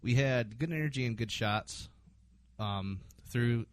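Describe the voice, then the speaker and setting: A man's voice: mid-range voice, slow pace, no room sound. A man hosting a casual sports podcast, recapping games with frequent ums and hesitations. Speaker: podcast host.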